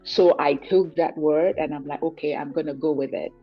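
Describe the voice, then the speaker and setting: A woman's voice: deep voice, steady tone, normal speed, highs cut off, faint music behind. A woman from Cameroon giving a testimonial in an interview, earnest and reflective, often saying "you know". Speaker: guest giving a client testimonial. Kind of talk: conversational interview over a call.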